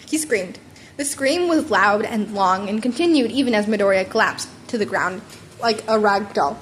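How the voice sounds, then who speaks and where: A woman with a medium-pitched voice reads fan fiction aloud at a normal speed as a podfic narrator, in a wry, informal manner. She often stumbles and repeats words in this scripted narration, and there's a little hiss or hum on the recording.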